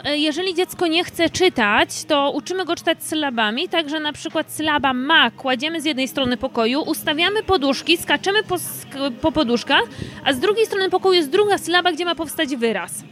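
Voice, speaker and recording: A woman from Poland, her voice sitting noticeably high, talks through child learning methods in an earnest, conversational way. She leans on practical examples as she explains. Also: expressive, brisk, fairly bright tone. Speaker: child education specialist. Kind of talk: conversational interview answers.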